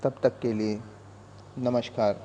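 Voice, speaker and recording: A man narrating a story in a calm, gentle, reflective way. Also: medium pitch, takes it slowly, slight background noise.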